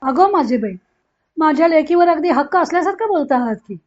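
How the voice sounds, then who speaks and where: A woman reading the part of a sharp-tongued, teasing older aunt who talks bluntly and scolds, in a dull lo-fi recording. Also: high voice, expressive, fairly quick. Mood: scolding.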